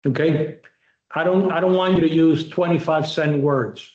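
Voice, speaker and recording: A man with a high-pitched voice gives an emphatic law lecture, repeating key points and slowing down for effect. The sound is roomy and a little dull, as if recorded in a lecture hall. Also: steady tone, darkish tone. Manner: emphatic, repetitive, direct coaching; varies pace, slowing sharply for emphasis. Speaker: law lecturer coaching moot court students.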